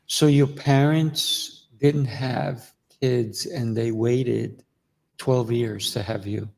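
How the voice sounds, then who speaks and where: A man hosts a podcast interview in a gravelly voice that rings with long reverb. He sounds enthusiastic and affirming, and he often trips over the first sounds of his words. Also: medium pitch, fairly even intonation, very slow, a little mellow. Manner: enthusiastic, affirming, stumbles on word starts. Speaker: podcast host, coach.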